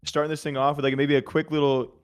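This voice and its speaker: A man co-hosting an interview, talking in an excitable, slangy way and swearing casually. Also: on the high side, fast.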